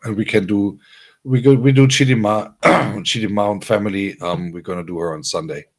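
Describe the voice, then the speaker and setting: This fairly low, fairly even male voice moves at a normal speed. He's a livestream host and DJ, friendly as he rambles through announcements of upcoming streams for his viewers, full of fillers and restarts.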